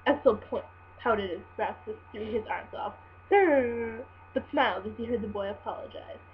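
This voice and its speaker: A woman's voice: mid-range voice, a little fast, a little hiss or hum. A woman giving an informal amateur dramatic reading of fan fiction, sometimes stumbling and restarting. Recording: muffled, humming home recording.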